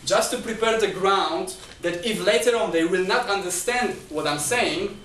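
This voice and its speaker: This clip has a non-native Chinese male guest speaker giving a lecture-style talk at a discussion group, held indoors at a talk venue. His high-pitched, slightly bright voice moves at a moderate pace through numbered points, with many restarts and repeated words. A little hiss or hum comes through the distant mic in the echoey room.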